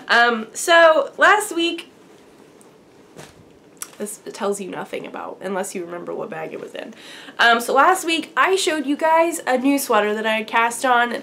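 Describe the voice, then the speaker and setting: A young woman podcast host with a medium-pitched, slightly bright voice sounds stuffy and congested from allergies as she chats upbeat and casually to camera about her crafting week. A little hiss or hum is audible.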